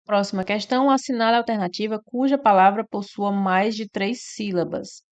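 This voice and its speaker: A woman's voice: mid-range voice, fairly even intonation, normal speed. A woman, teaching an exam-prep lesson and walking through each answer step by step with frequent tag questions.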